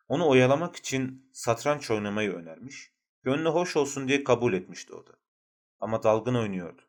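Man reading a novel aloud. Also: medium pitch. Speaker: audiobook narrator. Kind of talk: scripted literary narration.

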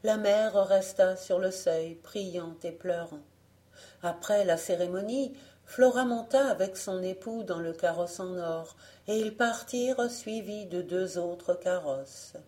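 A woman reading a fairy tale aloud as an audiobook narrator, in a measured storytelling manner. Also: on the low side, mellow. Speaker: audiobook reader.

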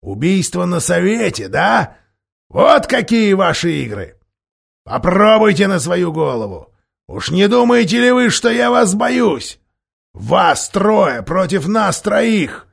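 A man's voice: on the high side, very animated, unhurried, vocal fry, husky, exaggerated voice. Man doing a bitter, snarling dwarf. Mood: shouting. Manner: sneering, bursts into shouts. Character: bitter, defiant male dwarf.

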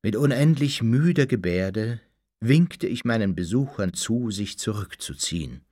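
Lively, theatrical male audiobook narrator. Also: lowish voice, unhurried, dry recording, studio quality. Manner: theatrical, expressive. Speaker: audiobook reader. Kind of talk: dramatic first-person storybook narration.

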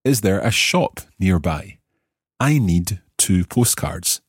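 A man hosting a podcast language lesson, explaining phrases in a clear, deliberate teaching voice and slowing down for examples. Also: sits low, expressive, no room sound, studio quality.

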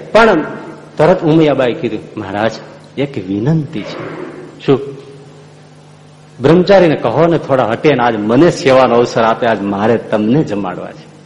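Male preacher, dramatic devotional storyteller who voices his characters, recorded in an echoing hall. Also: mid-range voice. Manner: dramatic, acts out dialogue, sings snatches of devotional song.

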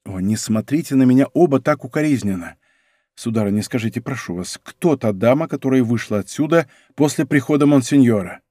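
A man voicing a loyal aide in a historical audiobook, speaking with hurried worry. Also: mid-range voice, animated, mellow, no echo, clean studio sound, lightly acted. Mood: worried. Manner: hurried, worried. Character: loyal male aide, urgent and worried.

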